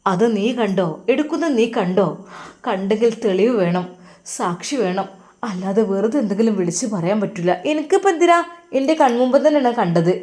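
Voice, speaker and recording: A shrill, scolding mother with a Malappuram Malayalam accent, put on by a woman narrator. Her voice sits high and loud, and she sneers at every word. This is a spoken storybook figure. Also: close to an everyday voice. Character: sharp-tongued scornful middle-aged mother.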